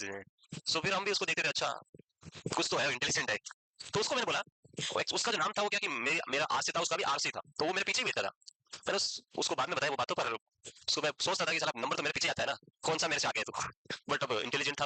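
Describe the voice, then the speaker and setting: Fast, bright-voiced male tutor. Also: on the high side, dry recording, low-quality recording. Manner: chatty, reassuring, tells anecdotes and mimics students. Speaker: nursing exam tutor. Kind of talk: casual Hindi lecture.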